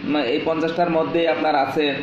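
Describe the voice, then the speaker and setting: A man's voice: a little high, flat delivery, brisk, a crowd in the background. A middle-aged man from Bangladesh, a business consultant politely and patiently advising a caller, recorded on a phone held at arm's length in a small room. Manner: polite, patient, repeats affirmations and details. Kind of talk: live phone consultation chat. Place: small bare indoor room. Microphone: phone camera at arm's length. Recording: very echoey, dull lo-fi room recording with noise.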